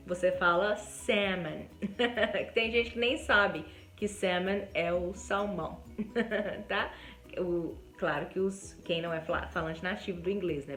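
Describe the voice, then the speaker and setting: A woman's voice: medium pitch, fairly bright tone, reverberant. A Brazilian woman teaching pronunciation in a casual video lesson, chatty and laughing often, with Portuguese as her first language. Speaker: English teacher.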